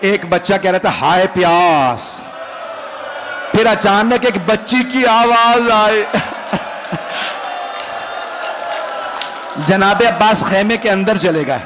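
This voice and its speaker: A man with an Indian Urdu accent reciting a mourning sermon, rising into drawn-out wailing cries and speaking directly to the gathering. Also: sits high, a crowd in the background, noisy background. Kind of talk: Muharram majlis recitation.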